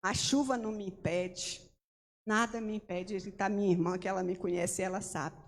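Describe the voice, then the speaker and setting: A woman's voice: medium pitch, fairly even intonation, fairly quick. A middle-aged woman missionary giving an emphatic testimony sermon in church, often calling out to the congregation. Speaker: missionary preacher. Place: church hall. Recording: long hall reverb.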